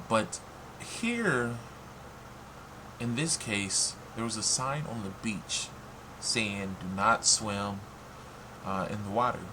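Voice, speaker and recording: American man, lowish voice, casual opinion vlog, blunt, sweary, noticeable fan noise. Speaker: online video commentator. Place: warm room at home with fan running. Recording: noisy, loud fan blowing nearby.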